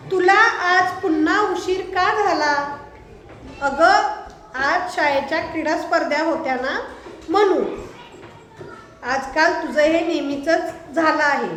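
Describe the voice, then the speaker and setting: A very high-pitched woman teaches a live class and keeps asking her pupils check questions as she goes. Her voice rings around a roomy, echoey classroom. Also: a bit bright, slight background noise. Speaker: schoolteacher. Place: school classroom with pupils present.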